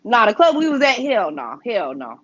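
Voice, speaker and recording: Here a podcast guest, a woman whose voice sits high, spins a profane, easygoing story at normal speed. Lively throughout, she impersonates whoever she's quoting. The recording sounds somewhat dull and low-fidelity.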